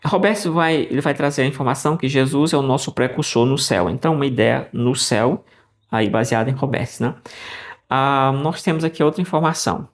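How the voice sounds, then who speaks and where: A man's voice: mid-range voice, fairly quick. A man teaching Greek grammar in a casual, conversational way, with frequent "né" and restarts. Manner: conversational, many "né" tag questions and restarts. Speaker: Greek New Testament teacher. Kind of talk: casual explanatory lesson.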